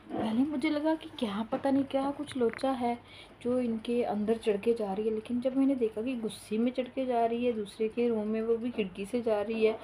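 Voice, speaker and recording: A woman's voice: fairly high pitch, warm tone, slight background noise. A young woman telling a long, rambling story at home in a casual vlog, stopping now and then to coax her small child. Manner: chatty, rambling, breaks off to coax her toddler. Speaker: mom vlogger.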